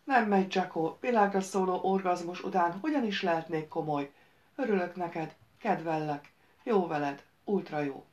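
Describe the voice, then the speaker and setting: A woman's voice: fairly low pitch, darkish tone, dull audio, lightly acted. A woman reading a playful, teasing young woman.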